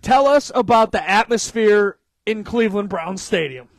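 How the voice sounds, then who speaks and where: A man in his early thirties hosts a casual sports talk show, his voice pitched high for a man. He gets loud and excitable and swears freely. The sound is dry and close to the mic. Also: moderate pace, no echo. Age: 30s. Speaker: podcast co-host.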